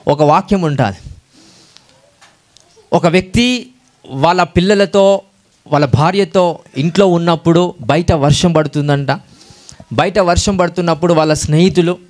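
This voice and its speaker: A man's voice: a little high, a little mellow. A man with a Telugu accent preaching a sermon, often calling out hallelujah and putting questions to the congregation. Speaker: pastor.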